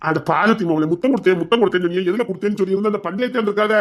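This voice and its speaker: A man's voice: high-pitched, lightly acted. Man playing a whiny cheeky young village man. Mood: protesting. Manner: whining, protesting, rapid excuses.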